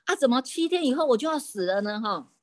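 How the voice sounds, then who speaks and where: A woman's voice: a little high, lively intonation, fast talker, pitched above the performer's own voice, close to an everyday voice. A woman voicing a frightened young male heavenly being in a sermon story, pleading and repeating his questions. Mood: frantic.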